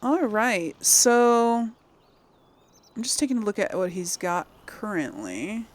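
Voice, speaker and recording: Playing through a game on her gaming channel, a woman chats and thinks aloud in a relaxed let's-play. She has a mid-range voice and speaks slowly but animatedly.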